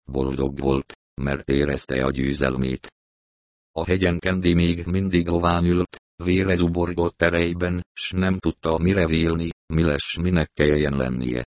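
A man narrating an audiobook in a measured storytelling manner. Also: sits low, steady tone, dry recording.

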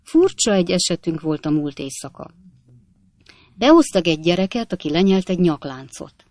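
A woman's voice: on the low side, no echo, close to an everyday voice. Woman doing a breezy, boastful young medic. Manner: breezy, animated, relishing gruesome stories. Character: flippant young male medical student, boastful joker.

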